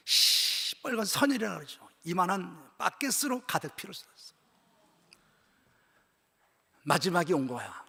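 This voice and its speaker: Older Korean pastor preaching in an echoing hall. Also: male voice, high-pitched, big pitch swings, a little slow, creaky, long pauses, slightly rough. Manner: storytelling, swings from hushed near-whispers to loud shouted climaxes. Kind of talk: sermon at a church retreat. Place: church sanctuary. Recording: long reverb of a large church hall.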